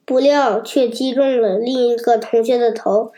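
A woman narrating a children's story aloud in a lively, expressive storytelling way. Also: fairly high pitch, a little slow.

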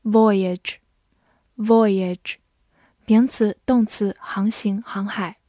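A woman slowly reading out vocabulary words, saying each word twice in a measured way before its meaning. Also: medium pitch, fairly even intonation, mellow, dry recording, clean studio sound. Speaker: vocabulary reader. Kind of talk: slow scripted word drill.

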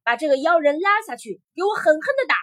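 A man's voice: sing-song, normal speed, breathy edge, exaggerated voice. A woman voicing a greedy, furious old male emperor who bellows his orders, in a storybook tale. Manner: loud, booming and bullying.

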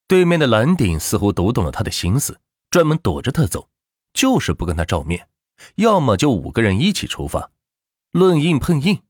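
A man reading a web novel aloud in animated audiobook narration, close to the mic. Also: on the low side, slightly rough, no room sound. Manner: animated storytelling with expressive rises and falls.

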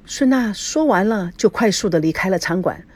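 Breathy woman narrating a story. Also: mid-range voice, lively intonation, normal speed, darkish tone, no echo.

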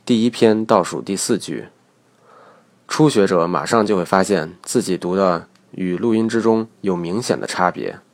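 A man's voice: sits low, moderate pace, no room sound. A man teaching English pronunciation in a recorded lesson, explaining each point in a methodical way.

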